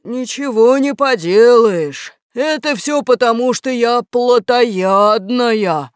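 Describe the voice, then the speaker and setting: A woman's voice: clean tone, no room sound, studio quality. A woman voicing an envious, bloodthirsty cow in a storybook reading, bellowing her lines. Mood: greedy. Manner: drawn-out lowing shouts.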